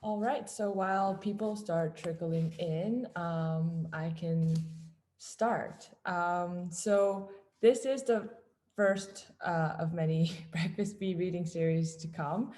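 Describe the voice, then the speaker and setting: Woman from Canada, lowish voice, hesitant host intro with frequent ums over a video call. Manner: many ums and pauses, soft-spoken. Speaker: event host.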